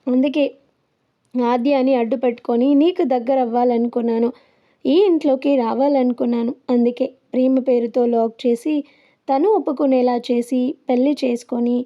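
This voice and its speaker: A woman voicing a scheming, pushy young married man who talks in a loud, insistent way. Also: high voice, steady tone, normal speed, natural voice. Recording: dull lo-fi recording.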